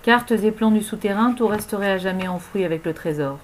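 A woman narrating a novel aloud in an expressive storytelling manner. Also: mid-range voice, a little fast, slight background noise, low-quality recording. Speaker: audiobook narrator.

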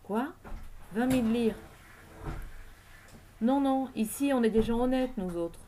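A wary fairground woman who curtly sends a stranger away, read by a woman. The voice sounds higher and louder than the plain narration. It comes from an audiobook. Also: takes it slowly, a little hiss or hum. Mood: suspicious. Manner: curt, indignant. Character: stout fairground woman, suspicious and curt.

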